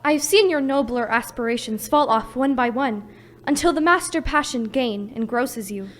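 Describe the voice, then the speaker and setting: A woman playing Belle in a live radio play, soft and earnest. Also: sits high, normal speed, close to an everyday voice. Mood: sorrowful. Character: young woman Belle, gentle and heartbroken.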